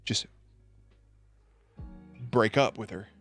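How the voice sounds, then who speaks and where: A man's voice: on the low side, extremely slow, fairly bright tone, faint music behind, voice pushed down, heavily acted. A man imitating a blunt, chill buddy. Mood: insistent. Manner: repeats "okay", clipped and insistent. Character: laid-back male buddy giving blunt advice.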